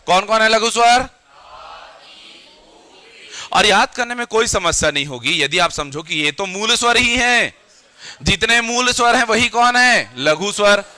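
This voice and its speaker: Bright-voiced man lecturing a class. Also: high voice, no echo. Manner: drills students with repeated questions. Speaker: teacher.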